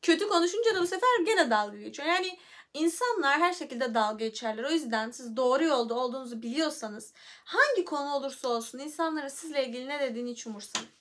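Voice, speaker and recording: A woman's voice: sits high, lively intonation, fast talker, fairly bright tone. A young woman hosting a casual livestream, chatting playfully with viewers and reading the chat aloud into her phone. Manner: playful, chatty, hums and sings nonsense syllables.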